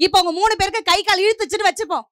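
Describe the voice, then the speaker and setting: A woman's voice: very high-pitched, rapid-fire, no echo, studio quality. A middle-aged woman from Puducherry giving a stage debate speech, declaiming in rhythmic parallel lines and pressing her point. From Puducherry, India. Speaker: debate speaker.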